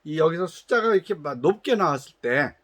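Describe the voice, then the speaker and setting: On behalf of a shoe company, a man explains patiently and in polite, formal terms how to test his product. His voice is on the high side and fairly bright, with lively intonation and a fairly quick pace, and he often hesitates and restarts.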